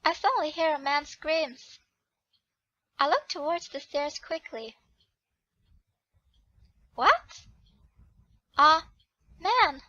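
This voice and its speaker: A woman's voice: high-pitched, unhurried, fairly bright tone, no room sound, muffled recording. A woman reading aloud a romance visual novel as the heroine, often correcting herself as she goes. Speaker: channel host reading a game.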